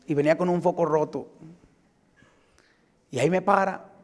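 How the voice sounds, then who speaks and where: Speaking from a church sanctuary where the reverb rings long, this pastor from the United States has a voice on the high side and moves at normal speed. He weaves a personal anecdote into his sermon with lively energy, working up to an emphatic call to action.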